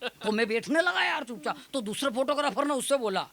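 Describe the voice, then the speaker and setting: A man's voice: very high-pitched, animated, a little fast, vocal fry, bright, forceful tone. A young man, a comic poet, telling self-mocking stories and teasing a live audience from the stage. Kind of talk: stage comedy storytelling.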